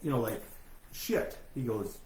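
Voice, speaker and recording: A man's voice: mid-range voice, expressive, a little slow, darkish tone. A man co-hosting a casual chat, telling teasing family anecdotes. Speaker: podcast co-host. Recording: echoey room with faint noise.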